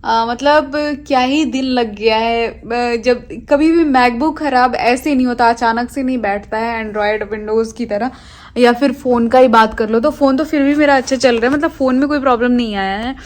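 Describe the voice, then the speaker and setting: A young adult woman vlogger chatting casually to her viewers, rambling and pausing often to search for words. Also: fairly high pitch. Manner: chatty, rambling, with frequent hesitations. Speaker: lifestyle vlogger. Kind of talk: casual chat to camera.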